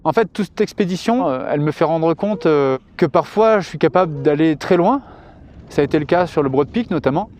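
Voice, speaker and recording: A young man, a mountaineer, speaking in a thoughtful, measured way with frequent hesitations in a documentary interview. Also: on the high side, animated, darkish tone, highs cut off, a little hiss or hum. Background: music.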